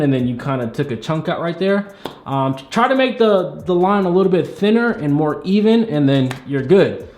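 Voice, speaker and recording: Guy barber doing blunt slangy reviews for his viewers, kinda high voice, echoey room. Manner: blunt, teasing, conversational. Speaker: barber and video host reviewing haircut photos. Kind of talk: casual spoken critique to viewers, slangy.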